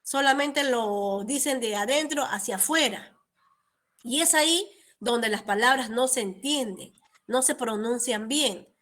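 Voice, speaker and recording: A woman's voice: on the high side, measured pace, a bit bright. A young adult woman teaching a class, explaining step by step and often checking in with tag questions. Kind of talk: online class lecture.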